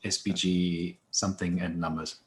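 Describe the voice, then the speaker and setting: Man, lowish voice, casual fumbling intro, video call. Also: little pitch movement, moderate pace. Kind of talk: casual live video chat.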